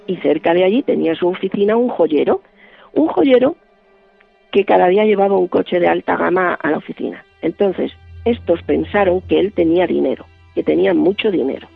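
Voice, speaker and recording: High, gravelly man on a phone-like line. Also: brisk, no room sound, faint music behind. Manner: vivid, acts out quoted dialogue. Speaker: guest. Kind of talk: radio interview storytelling. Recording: band-limited dry phone-like line.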